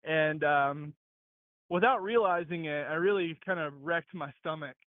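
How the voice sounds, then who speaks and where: A man's voice: a little high, no echo. Man telling a story over a tinny phone speaker. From Mississippi. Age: late 20s. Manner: halting, many restarts and fillers. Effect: heard over a phone speaker. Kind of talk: rambling storytelling while walking. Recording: tinny dry phone line.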